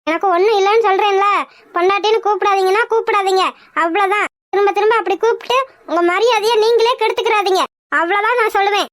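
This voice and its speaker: A woman's voice: extremely high pitch, fairly even intonation, fast, no room sound, studio quality. A woman voicing a stubborn young woman in a cartoon, scolding and insistent as she pushes away her suitor. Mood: angry. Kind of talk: cartoon voice acting.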